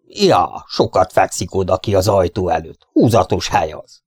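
A man voicing a hard-of-hearing retired old shepherd who mumbles and grumbles his words slowly, in an audiobook. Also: low voice, very animated, a little mellow, husky, dry recording, clean studio sound, exaggerated voice. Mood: mumbling.

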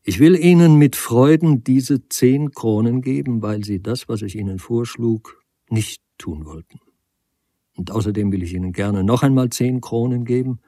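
A man's voice: mid-range voice, warm tone, no room sound, clean studio sound, natural voice. A man reading a restless, generous stranger who talks insistently and cuts others off. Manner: insistent, quick to interrupt. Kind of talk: audiobook character reading.

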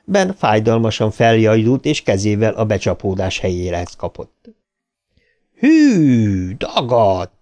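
A man reading an audiobook aloud in an expressive, dramatic narration style. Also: lowish voice.

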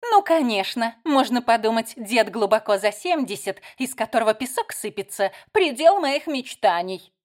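A woman's voice: fairly high pitch, animated, normal speed. Woman voicing a sneering, spiteful young woman. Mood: furious. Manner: mocking, sarcastic, shouting insults.

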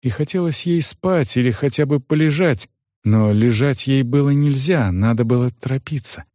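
A man's voice: medium pitch, no echo. Man narrating an audiobook, dry close sound. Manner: measured, expressive storytelling.

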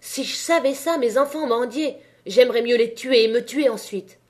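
A woman's voice: mid-range voice, moderate pace, mellow, lightly acted. A woman voicing a proud, desperate miner's mother who speaks bluntly, in a storybook reading. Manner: fierce, blunt.

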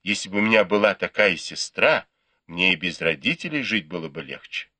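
A man voicing a proud, quick-tongued young noble lady in an audiobook, reproachful and teasing. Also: low voice, lively intonation, sharp tone, dry recording, exaggerated voice. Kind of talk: audiobook character reading.

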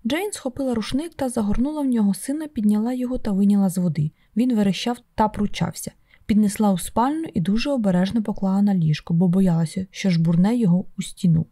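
Woman audiobook narrator, mellow warm tone, steady measured pace, dry close recording. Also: medium pitch, no echo. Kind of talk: scripted narration.

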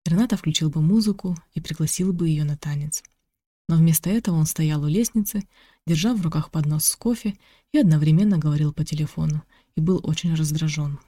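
A narrator reads a novel aloud at an even, steady pace. The tone is warm and mellow, recorded close and dry with no room sound. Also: mid-range voice, brisk, dry recording. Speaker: audiobook narrator. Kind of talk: scripted narration.

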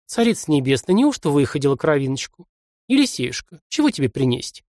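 A man's voice: fairly high pitch, very animated, brisk, a little mellow, dry recording, studio quality. A man reading aloud and voicing a tearful, fussing old village grandmother with a folksy, doting way of talking.

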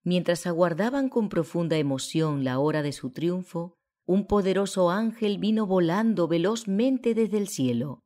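A woman's voice: on the low side, expressive, dark tone. Solemn woman reading a religious audiobook. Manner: solemn, measured. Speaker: audiobook narrator. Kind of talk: scripted audiobook narration.

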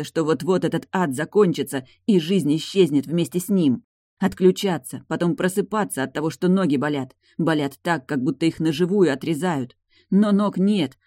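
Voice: mid-range voice, mellow, no room sound, studio quality, close to an everyday voice. A reader voicing a bitter, mocking young woman who was badly injured, sarcastic and cutting in an audiobook dialogue.

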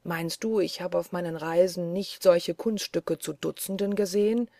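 Woman voicing a sly young guy scoffing at a giant, gravelly and low. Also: fairly even intonation, moderate pace, darkish tone, no room sound, studio quality. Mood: taunting. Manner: scornful, taunting. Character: cunning, cold-hearted young male charcoal burner.

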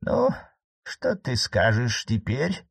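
A man reading an audiobook, voicing a calm, gently mocking elderly aristocratic aunt, a marquise. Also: a little high, moderate pace, vocal fry, breathy edge, dry recording, pitched above the performer's own voice, exaggerated voice. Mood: calmly reasoning.

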